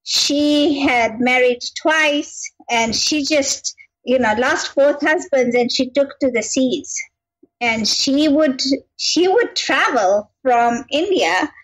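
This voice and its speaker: A woman's voice: sits high, poor audio. A woman from Kenya in her fifties, a guest telling her life story in an earnest, reflective way. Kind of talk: interview conversation.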